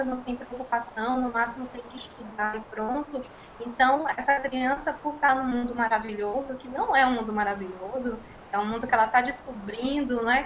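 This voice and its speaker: High-voiced Brazilian child therapist. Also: female voice, fairly bright tone. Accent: Brazilian Portuguese. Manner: measured and explanatory, many tag questions. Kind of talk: explaining on a panel. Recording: muffled, slightly noisy recording.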